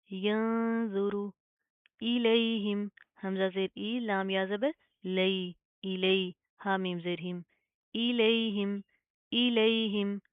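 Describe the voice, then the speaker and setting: A woman teaching Quran recitation step by step, explaining each rule patiently, checking in often, and slowly sounding out each example word. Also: mid-range voice, clear, resonant tone, no room sound, narrow, tinny audio. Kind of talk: step-by-step tajweed lesson.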